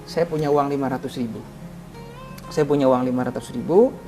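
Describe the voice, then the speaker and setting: A man's voice: a little fast, dark tone, soft background music. Earnest man telling an emotional story. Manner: earnest storyteller, voice rising high when recalling prayers. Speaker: ustadz guest. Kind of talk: emotional personal story in an interview.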